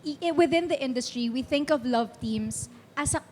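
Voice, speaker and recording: A woman's voice: high voice, normal speed, a little mellow, a little hiss or hum. A Filipino woman chatting casually as a talk show co-host, switching between Tagalog and English mid-sentence. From Philippines. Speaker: talk show co-host, works in entertainment industry.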